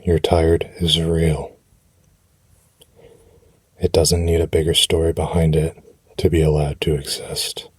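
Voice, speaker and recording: A man speaking soothing affirmations for rest in a deep, husky, breathy voice, gently and reassuringly, with unhurried pauses, close to the mic. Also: little pitch movement, no echo. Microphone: close, dry microphone.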